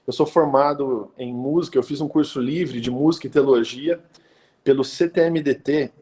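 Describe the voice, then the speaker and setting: This pastor, a Brazilian man in his thirties from inland São Paulo state, gives a relaxed live-stream talk in a warm, mid-range voice. His speech is chatty and peppered with fillers and tag questions.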